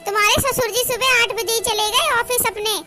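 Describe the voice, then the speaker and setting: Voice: extremely high pitch, fairly even intonation, fairly quick. A voice actor doing a scolding cartoon mother-in-law. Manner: scolding, complaining, sharp-tongued. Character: nagging middle-aged mother-in-law, fed up and scolding. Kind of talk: animated cartoon voice acting. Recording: music playing under the voice. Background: background music.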